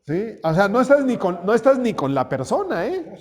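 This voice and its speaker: A man's voice: high voice, big pitch swings, moderate pace, a crowd in the background. A man preaching a conversational sermon, folksy and often asking his small congregation questions. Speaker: pastor.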